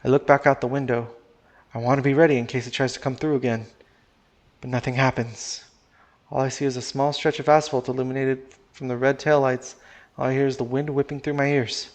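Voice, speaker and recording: Telling a first-person tale on a live stream, this man keeps it casual and unpolished, dropping the odd curse word and restarting sentences as he goes. His pitch is middle for a man and barely moves, and his pace is brisk.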